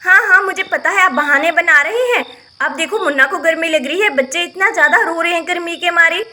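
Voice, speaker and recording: A tired, nagging village wife, as a woman plays her in a doll-play story. Her voice sits very high and bright, and she grumbles and scolds steadily. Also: brisk, a little hiss or hum. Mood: scolding. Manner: complaining, nagging.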